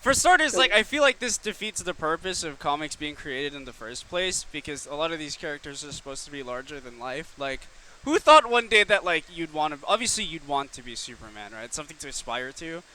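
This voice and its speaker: A man co-hosting a casual comedy podcast, opinionated and excitable, talking into an old microphone. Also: a little high, brisk. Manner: opinionated, excitable, says "right on" and "like" a lot. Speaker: podcast co-host. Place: home setup in Manila.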